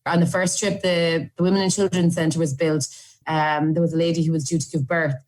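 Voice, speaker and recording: Irish woman rambling through her memories for a documentary, deep-ish voice, lots of likes and ums. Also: flat delivery, brisk, a little mellow. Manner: chatty, run-on storytelling with fillers. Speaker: aid volunteer. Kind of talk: documentary interview recollection.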